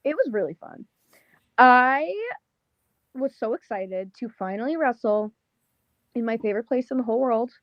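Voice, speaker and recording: A woman's voice: fairly high pitch, normal speed, pauses often, no room sound, highs cut off. A young woman with a thick Long Island accent, a pro wrestler chatting casually in an interview, full of "like" and "um". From Las Vegas, Nevada. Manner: casual, slangy, lots of "like" and "um".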